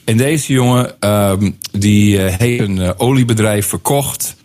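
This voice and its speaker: A man's voice: on the low side, a little slow, a little mellow. A man speaks in an ordinary mid-range voice during a casual conversation. He tells anecdotes and slips into the voices of the people he quotes. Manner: anecdotal, acts out quoted speech.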